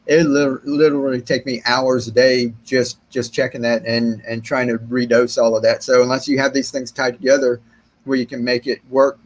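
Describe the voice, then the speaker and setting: A middle-aged gardening livestreamer speaks at medium pitch and a moderate pace, his voice slightly raspy from long talking. Seated in a small indoor room with shelves of plants, he casually reads and answers viewer comments, rambling and relaxed, often restarting, using fillers, and gesturing with his hands.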